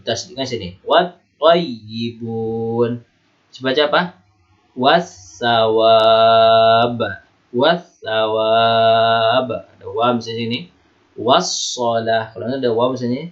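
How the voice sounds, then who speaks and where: A man teaching Quran recitation rules to university students. He explains slowly and repeats himself, and he chants the Arabic examples in long drawn-out tones. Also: mid-range voice, a bit bright, lo-fi sound. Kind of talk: online lecture.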